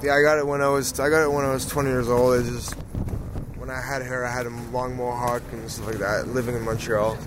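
A Canadian man in his thirties gives a casual street interview, sounding stoned. He rambles loosely in a middle-pitched voice with a shrugging, matter-of-fact manner. Traffic and city noise are clearly audible around him. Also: level tone, a little fast. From Toronto, Canada. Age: 30s. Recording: loud outdoor traffic noise. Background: cars and urban ambience.

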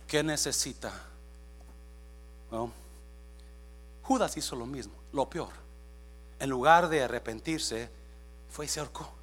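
A man preaching a sermon, mixing Spanish with English phrases, speaking directly to the congregation with many questions and swinging between hushed asides and shouted calls. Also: mid-range voice, measured pace, long pauses. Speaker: pastor. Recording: faint mains hum.

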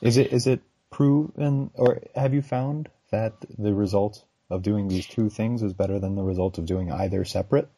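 Dark-voiced, low-pitched male interviewer. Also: steady tone, normal speed, few pauses, slightly rough. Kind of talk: interview questioning.

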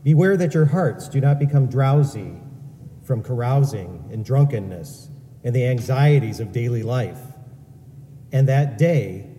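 A man solemnly proclaiming a Gospel reading at Mass in a large church, with a slow and measured delivery and a cathedral-like echo around his voice. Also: medium pitch, animated, mellow, a little hiss or hum. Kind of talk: solemn liturgical scripture reading. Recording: long church reverb, distant mic, faint ambience.

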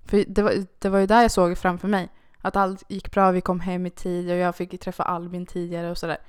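Young woman, podcast co-host, casual storytelling, smooth clear voice, dry close sound. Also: lowish voice, dry recording. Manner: animated, acts out quoted dialogue with "jag bara".

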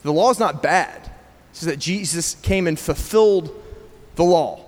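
Guy giving a sermon, kinda high voice, long echo off the hall, chatty and keeps asking the crowd stuff. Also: normal speed. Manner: conversational, asks the congregation questions. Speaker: preacher. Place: church gathering, in the southern US. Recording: long reverb of a large room.

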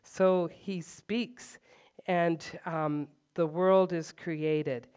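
Woman teaching the Bible, smooth and emphatic. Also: fairly low pitch, steady tone, very slow, a little mellow. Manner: conversational, emphatic, many fillers. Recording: dull lo-fi recording.

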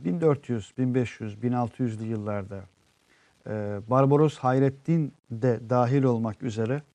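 A man co-hosts a casual live-stream chat show, reading viewer comments and explaining at length in an earnest way. His medium-pitched voice is mellow, with no echo, and he often trails off into drawn-out fillers.

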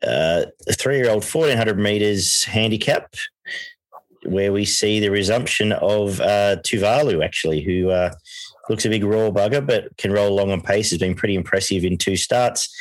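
A man's voice: on the low side, no echo, rough recording. An Australian man hosting a horse racing preview in a casual, conversational way, thinking aloud as he gives his tips. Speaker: horse racing podcast host and tipster.

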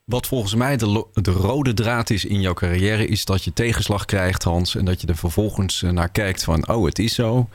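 A man's voice: fairly low pitch, moderate pace, few pauses, dry recording, clean studio sound. A male radio host interviewing a guest, admiring and slightly formal.

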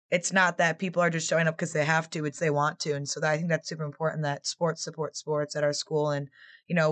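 A woman in her twenties, a former player turned assistant coach, answering interview questions in a chatty way. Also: low voice. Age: 20s. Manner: chatty, animated storytelling with quoted voices.

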